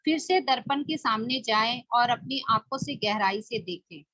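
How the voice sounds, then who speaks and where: Coaching woman with a husky voice. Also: a little high, normal speed, a bit bright, dry recording, muffled recording. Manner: coaxing, repeats instructions, addresses listeners as friends. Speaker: meditation and self-help teacher. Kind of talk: guided self-help class.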